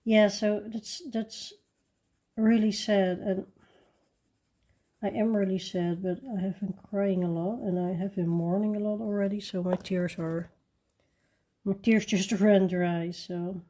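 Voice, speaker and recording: A woman chatting casually while she colors, soft-spoken and rambling with fillers and restarts. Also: medium pitch, fairly even intonation, a little slow. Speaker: coloring channel host.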